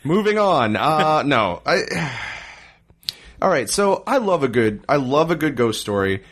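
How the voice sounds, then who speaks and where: A man's voice: fairly high pitch, very animated, slow pace, fairly bright tone. A man co-hosting a casual film podcast, leading the segments with a dry, teasing humor. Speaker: podcast co-host. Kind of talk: casual chat, film review.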